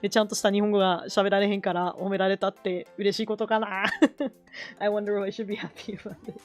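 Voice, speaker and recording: Kansai lady streaming and chatting, rambly, keeps fixing her words, mid pitch, soft music in back. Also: little pitch movement, fairly quick. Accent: Kansai Japanese. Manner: rambling, self-correcting, mixing Japanese and English. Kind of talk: casual chat while drawing.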